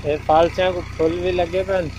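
A man's voice: sits high, little pitch movement, darkish tone, dull audio. Young man vlogging in the fields. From Pakistan. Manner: chatty, pointing things out while walking. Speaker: village vlogger. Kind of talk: casual walking vlog narration. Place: outdoors in farm fields. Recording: noisy outdoor phone recording.

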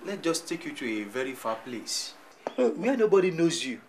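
A man's voice: on the high side, very animated, normal speed, darkish tone, a little hiss or hum. An actor playing a married man soothing his pregnant lover, with a coaxing manner.

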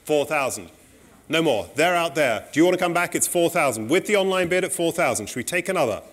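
Brisk male auctioneer calling bids. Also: on the high side, animated, fairly bright tone. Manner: brisk, polite, repetitive bid calling. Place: auction saleroom, indoors.

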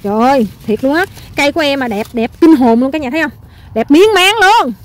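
A woman selling plants in her outdoor garden, exclaiming loudly and talking straight to her viewers as she films. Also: high voice, quick pace. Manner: excitable, exclaiming, addresses viewers constantly. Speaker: plant seller. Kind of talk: casual selling vlog.

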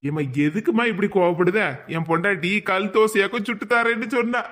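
ஒரு ஆண் நடிக்கும் சிரிப்புடன் கிண்டலடிக்கும் இளம் கணவன். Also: male voice, high-pitched, steady tone, fairly quick, a bit bright. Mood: teasing. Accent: Kanyakumari Tamil. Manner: chuckling, coaxing banter. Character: young husband, teasing and laughing. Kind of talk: cartoon voice acting.

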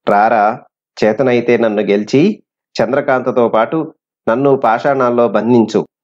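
A man's voice: mid-range voice, measured pace, a little mellow, close to an everyday voice. A man voicing a brave young male hero who speaks boldly and challengingly, on a dull lo-fi recording. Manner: bold, challenging.

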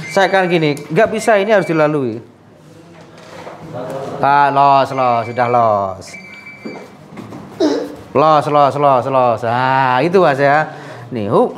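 A man's voice: fairly high pitch, slight background noise. A man, a sports massage therapist who chats and coaxes his patient through a treatment, often laughing. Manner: chatty, coaxing, often laughing.

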